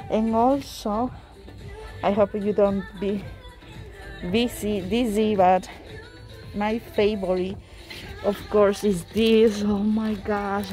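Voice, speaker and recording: A woman records a casual shopping vlog on her phone in a busy craft store aisle. She talks slowly in a mellow voice, gushing over items in English. Faint music plays behind her. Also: medium pitch. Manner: chatty, non-native English, frequent delighted exclamations. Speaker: craft vlogger. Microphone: handheld phone camera.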